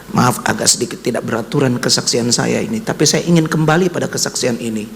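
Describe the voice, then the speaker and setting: Gravelly Indonesian pastor in a reverberant hall. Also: male voice, fast, a little hiss or hum. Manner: emotional, voice rising to high cries when quoting his son; addresses listeners as "saudara". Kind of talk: sermon with personal testimony.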